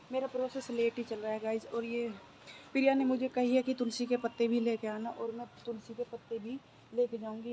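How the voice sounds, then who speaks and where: Outdoors on a rooftop, a woman with a sore throat records a casual vlog about her daily life, speaking on the high side over a faint hiss or hum. She keeps addressing her viewers and says things more than once.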